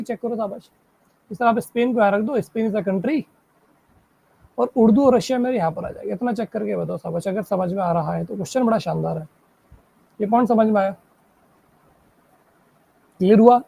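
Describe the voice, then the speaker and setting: A woman teaching a live online reasoning class. She keeps checking whether students follow and praises them, and she reads English questions out slowly before explaining them in Hindi. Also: a little high, warm tone. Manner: checks in constantly, praising and asking if it is clear.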